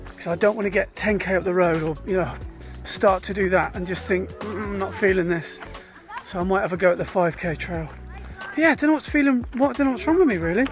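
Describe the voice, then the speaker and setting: Speaking a little fast in a high voice, a British man records a vlog mid-run while tired and somewhat dizzy. His narration is casual, frank, and self-deprecating, set against soft background music.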